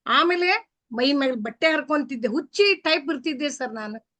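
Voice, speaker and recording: A woman's voice: sits high, animated, moderate pace, sharp tone, no echo. A middle-aged woman, sharing her story earnestly and calling the coach sir. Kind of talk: personal testimony.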